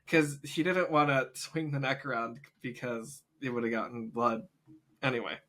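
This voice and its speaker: Bright-voiced man telling a story. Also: mid-range voice, moderate pace. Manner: laughs through his own story, animated. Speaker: podcast co-host. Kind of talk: casual storytelling chat.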